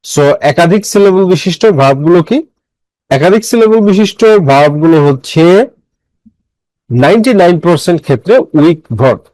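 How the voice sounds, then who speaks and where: Guy teaching grammar, kinda high voice, keeps repeating and asking the class stuff, dry sound. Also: animated, a little fast, darkish tone, dry recording, low-quality recording. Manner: explains step by step, repeats phrases and quizzes listeners; mixes English phrases into his speech. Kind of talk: classroom lecture.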